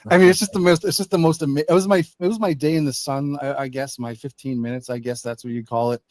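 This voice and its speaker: A man on a podcast telling a long, animated story with many restarts and acted quotes. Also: medium pitch, quick pace, no echo. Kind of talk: casual chat.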